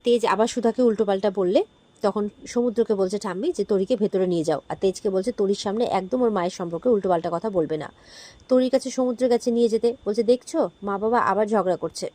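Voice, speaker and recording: A woman's voice: medium pitch, fast, warm tone. A woman casually retelling a drama episode, quoting the characters' lines and stopping often to correct herself. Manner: retells dialogue with frequent restarts and fillers. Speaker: serial recap narrator. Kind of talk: casual storytelling recap.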